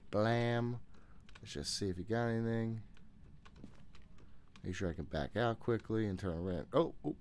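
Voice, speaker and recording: A man in his thirties with a lowish, darkish voice plays a horror game on stream, chatting to himself casually, getting spooked and cursing freely. The recording, made in a small room at home on a close-up desk mic, carries a little hiss or hum.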